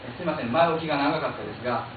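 A middle-aged Japanese man moderating a panel in a small meeting room, switching between Japanese and halting English with many fillers. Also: mid-range voice. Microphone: stand mic, filmed from far camera. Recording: echoey, distant, phone-like hiss.

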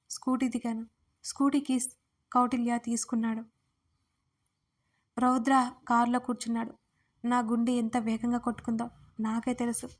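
A woman narrating a romance audiobook in the first person, telling it in a heartfelt, tearful way. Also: a little high. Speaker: storyteller and writer.

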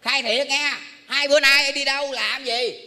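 An actor playing an exasperated, henpecked husband with a Southern Vietnamese accent, complaining comically on stage. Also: male voice, very high voice, steady tone, normal speed, crowd noise. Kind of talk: stage comedy acting. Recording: stage recording with background noise.

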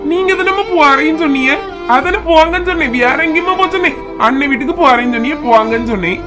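A woman's voice: high voice, fast talker, over music, lightly acted. A woman with a Kanyakumari Tamil accent playing a tired married son who pleads with his mother and defends his wife in a comedy skit. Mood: exasperated. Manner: exasperated and placating.

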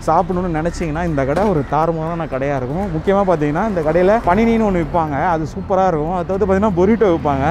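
Young male food vlogger, muffled by a face mask, rapid and eager, slightly high voice. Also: noisy background. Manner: eager, addresses viewers directly. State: talking through a face mask. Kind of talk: upbeat food review vlog.

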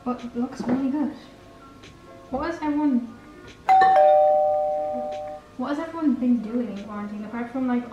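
A woman's voice: fairly high pitch, highs cut off. A teenage girl chatting in a rambling, self-correcting way while she bakes in her home kitchen. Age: teens. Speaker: vlogger. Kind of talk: casual baking vlog chat. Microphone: camera across the kitchen. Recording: roomy kitchen echo, distant camera mic, background music.

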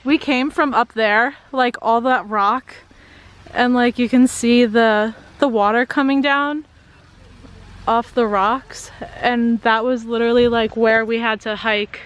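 A woman's voice: on the high side, fairly even intonation, unhurried, fairly bright tone, low-quality recording. A young woman chatting casually and giggling often as a travel vlogger, filming herself on a phone outdoors on a hiking trail. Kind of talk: casual travel vlog chat. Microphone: phone camera at arm's length.

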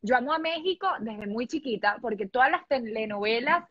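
A woman's voice: a little high, expressive, a little fast, husky, no room sound, dull audio. A young woman from Venezuela with a Venezuelan accent, a guest on a casual live video chat, bubbly and laughing often. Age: young adult. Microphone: video call.

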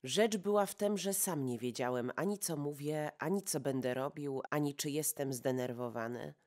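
A woman's voice: deep voice, normal speed, a little mellow. A woman reading a classic novel aloud as an audiobook, in a subdued, reflective tone. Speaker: audiobook reader. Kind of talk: scripted audiobook narration.

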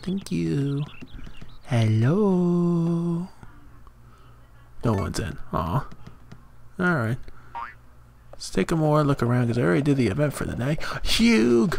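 A man giving casual, jokey gameplay commentary, animated and often yelping in surprise. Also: on the high side, normal speed, creaky, pauses often, slight background noise. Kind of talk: casual let's-play commentary. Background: game music.

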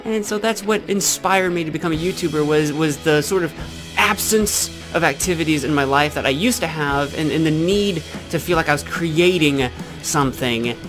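A YouTube gaming channel host in his twenties, from Illinois with a Midwestern American accent, chats casually to camera in a rambling, self-correcting way. His voice is on the high side at a moderate pace, over music. He's in a small indoor room with a green screen backdrop, close to a desk microphone with a pop filter.

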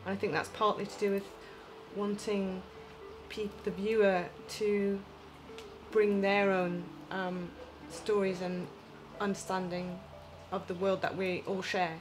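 A woman artist musing aloud in an interview, pausing often. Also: medium pitch, level tone, background noise. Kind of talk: interview monologue.

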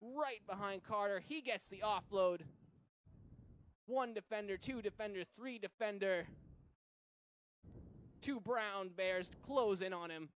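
A man from Massachusetts calls a rugby match play by play in a fairly high voice. His delivery is energetic and jumps to shouts when a runner breaks loose. A faint hiss of noise sits under the commentary. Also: takes it slowly, pauses often. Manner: energetic play-by-play, surging to shouts on big runs.

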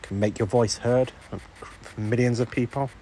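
A man's voice: mid-range voice, steady tone, mellow, a little hiss or hum. Man coaxing spirits on a ghost hunt. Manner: slow, coaxing questions to an unseen listener. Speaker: ghost hunter. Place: old ice house on a country estate.

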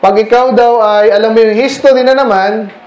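A man's voice: sits high, fairly even intonation, normal speed, a little mellow. A man teaching a church history seminar in a conversational way, peppering his points with rhetorical questions to the listeners and mixing in English terms. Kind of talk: church history lecture to a mixed room. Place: church meeting room. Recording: echoey room.

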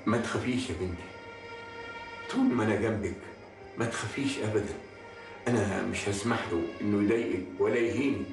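An actor playing a gentle, protective father reassuring his daughter, in an Egyptian accent. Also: lowish voice, a little fast, long pauses, natural voice. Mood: tender. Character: protective older father of the wife. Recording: echoey, distant, music behind.

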